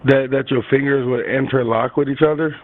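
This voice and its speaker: A man's voice: mid-range voice, fairly even intonation, fairly quick. A man answering the phone as a restaurant employee, talking in casual customer service style. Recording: tinny narrow phone line.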